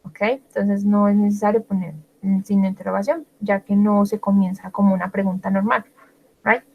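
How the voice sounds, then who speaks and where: A woman teaching English grammar in a bilingual lesson, explaining step by step, checking in often with her students, and slowing down to read out example sentences. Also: mid-range voice, flat delivery, narrow, tinny audio. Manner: explains patiently, switching between Spanish and English, many check-ins.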